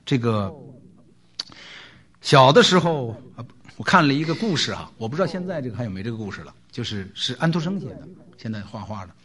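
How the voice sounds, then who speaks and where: A man preaching a sermon, telling a story with animated delivery, frequent rhetorical questions and filler words. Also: mid-range voice. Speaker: pastor.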